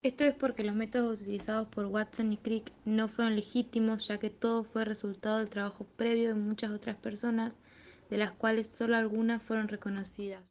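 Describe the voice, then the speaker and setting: A woman's voice: on the high side, flat delivery, fairly quick, a little mellow. A young woman, a student, reading a school presentation steadily, with small fillers.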